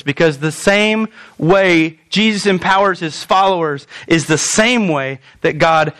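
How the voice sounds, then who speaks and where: A man's voice: high-pitched, a bit bright. A man preaching a sermon as pastor in a church, telling the story with animation and acting out the scenes.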